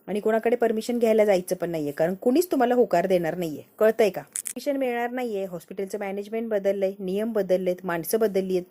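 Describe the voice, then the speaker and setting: A woman voicing a stern hospital nurse who scolds loudly and sharply. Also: mid-range voice, quick pace, hardly any pauses, lightly acted. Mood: scolding.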